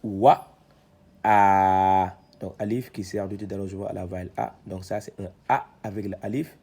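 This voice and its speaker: A man teaching Quran reading, sounding out syllables loudly one by one, then explaining calmly with many hesitations. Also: low voice, fast talker, vocal fry, breathy edge. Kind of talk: slow syllable-by-syllable reading lesson.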